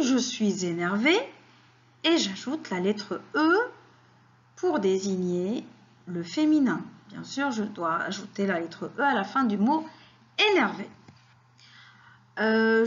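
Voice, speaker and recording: A woman teaching French vocabulary, speaking slowly and repeating example sentences for learners. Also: fairly high pitch, highs cut off. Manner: slow and deliberate, repeats words for learners.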